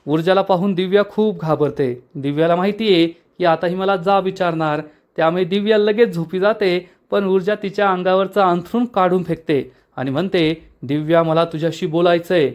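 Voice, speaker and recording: A man narrating a TV serial episode recap in a lively storytelling manner. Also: sits high, moderate pace.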